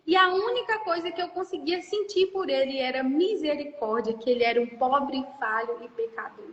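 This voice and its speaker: High-voiced woman in an echoey hall. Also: moderate pace, a bit bright, dull audio. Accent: Brazilian Portuguese. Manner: earnest, heartfelt, tearful at times. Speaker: guest sharing testimony. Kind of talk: emotional personal testimony.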